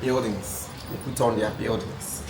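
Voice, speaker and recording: A man's voice: fairly low pitch, steady tone, unhurried, noisy background. A man with a Ghanaian accent chatting casually to viewers as a travel vlogger. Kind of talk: casual vlog chat to viewers.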